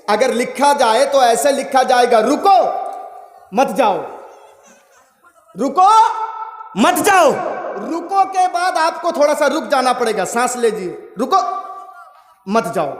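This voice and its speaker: A man preaches a fiery sermon in a very high, ringing voice, stretching each phrase slowly and chanting it out. His delivery swells toward shouts. The sound carries the heavy echo and long reverb of a public address system at an open-air gathering. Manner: drawn-out sing-song delivery, swelling to shouts. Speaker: Islamic preacher.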